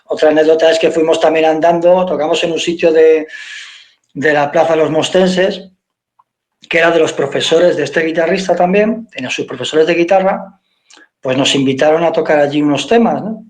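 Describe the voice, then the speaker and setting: High-voiced guitarist telling stories. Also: male voice, normal speed. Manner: lively storyteller who acts out quoted dialogue; swears casually. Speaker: guitarist guest. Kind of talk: casual interview anecdotes. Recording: echoey room.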